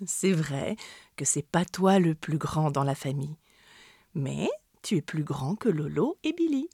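A man voicing a gentle mother wild boar, soft and motherly, in a storybook reading. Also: a little high, expressive, unhurried, gravelly, breathy edge, no echo, voice pushed up, heavily acted. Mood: tender.

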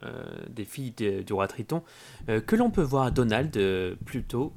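A French man co-hosts in a relaxed way, adding bits of trivia to the talk. His voice is at an ordinary, mid pitch. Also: measured pace, vocal fry. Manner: relaxed, chips in with facts. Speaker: podcast co-host. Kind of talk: casual chat.

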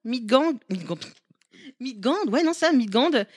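Playful higher-voiced woman. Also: animated, measured pace, dry recording, clean studio sound. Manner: playful, teasing, laughs often. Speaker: podcast co-host presenting a game. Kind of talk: casual gaming chat.

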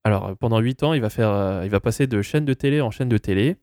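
A man with a fairly low voice co-hosts a relaxed conversation, recorded dry and close with no room around him. He tells the story in a chatty way, full of hesitations, and turns now and then to speak straight to the listeners. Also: fast talker, dry recording. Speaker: podcast co-host. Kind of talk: casual chat.

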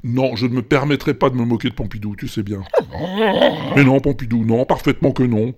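A man's voice: medium pitch, fairly quick, a little mellow. A man hosting a podcast in a casual, chatty and playful way, talking informally to his listeners. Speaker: podcast host.

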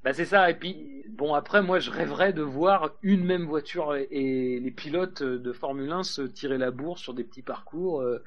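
A man's voice: on the high side, normal speed, hardly any pauses, highs cut off. A man on a panel show, talking in a casual, hesitant way with many fillers and restarts. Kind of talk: casual podcast discussion.

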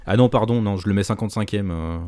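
A man with a very low voice fires off blunt, crude remarks at a quick pace. He teases the others freely, and his voice sits dry and close with no room sound. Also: warm tone, no echo. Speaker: podcast panelist. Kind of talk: casual panel chat.

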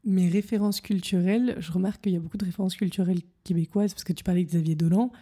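A woman from France talking casually in a relaxed way. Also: on the low side, fast, slightly rough. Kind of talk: casual chat.

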